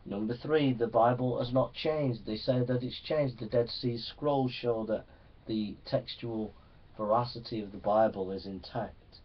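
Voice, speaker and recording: Teaching young people from the Bible, a man preaches in an unhurried, earnest, exhorting way and frequently looks for agreement. His pitch is average for a man, and the mic sits some distance off, leaving the sound a little dull.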